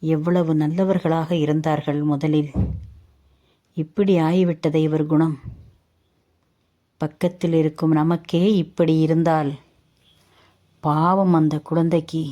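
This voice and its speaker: A woman narrating a family drama story in a measured, heavy manner. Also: deep voice, warm tone.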